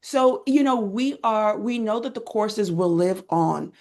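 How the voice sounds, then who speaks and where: Gravelly, upbeat woman telling stories. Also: a little slow. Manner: enthusiastic storyteller, lively swings in pitch when retelling scenes. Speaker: guest, end-of-life doula educator. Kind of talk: conversational interview.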